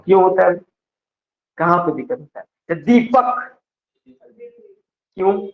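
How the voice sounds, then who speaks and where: High-voiced teacher drilling students. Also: male voice, expressive. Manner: keeps asking "है ना?" to check students follow; explains slowly, stretching example words. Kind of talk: classroom lecture. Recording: dull lo-fi sound.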